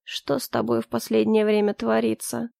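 A woman voicing a suspicious, stern male pirate leader who speaks slowly and with menace in an audiobook. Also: on the high side, completely flat delivery, vocal fry, warm tone, no echo, clean studio sound. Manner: slow, measured, threatening.

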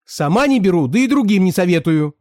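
A man voicing a nervous, sharp-nosed woman traveller who speaks in a high, shrill, insistent way. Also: huge pitch swings, a little fast, no room sound, studio quality. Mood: shrill warning.

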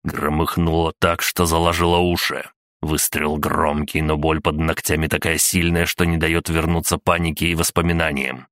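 Deep-voiced male audiobook narrator. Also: flat delivery, moderate pace, a bit bright, no room sound, clean studio sound.

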